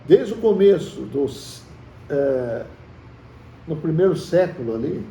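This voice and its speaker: Leading a Bible study in a conversational manner, a man with a Brazilian Portuguese accent quizzes the group and calls them brothers. His voice is on the high side, gravelly, and dark, delivered slowly and expressively. It was captured from a distance in an echoey room with faint hiss.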